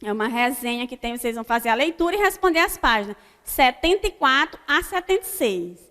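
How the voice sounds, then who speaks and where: A Brazilian woman teaching a recorded grammar lesson to children, spelling out example words slowly and checking in with her pupils. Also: high voice, big pitch swings, a bit bright. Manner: slow, deliberate word-by-word dictation with frequent "né?" checks. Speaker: primary school teacher. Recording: long hall reverb.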